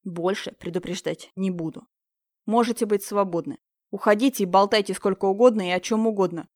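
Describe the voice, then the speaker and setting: A woman's voice: mid-range voice, a little fast, a little mellow, dry recording, studio quality, close to an everyday voice. A woman playing a stern young choir teacher. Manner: stern, scolding.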